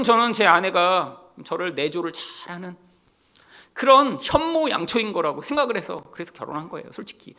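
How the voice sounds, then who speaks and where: A man in his forties, a pastor preaching a sermon, telling his own story candidly and putting questions to the congregation, switching between loud emphatic lines and hushed near-whispers. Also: sits high, creaky.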